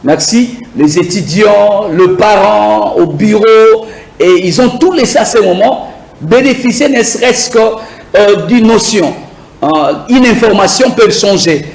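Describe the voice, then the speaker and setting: A man teaching a beginner English lesson, drilling words slowly and having viewers repeat after him. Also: high voice, creaky, a little mellow, roomy sound, low-quality recording. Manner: slow, repetitive drilling, asks viewers to repeat.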